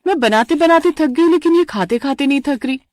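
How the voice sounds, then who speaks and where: A woman's voice: sits high, lively intonation, no room sound, voice pushed up. A woman playing a sarcastic, worn-out young bride. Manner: exaggerated, complaining, quick sarcastic jokes. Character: young new bride, dramatic and tired, sarcastic. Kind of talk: animated story voice acting.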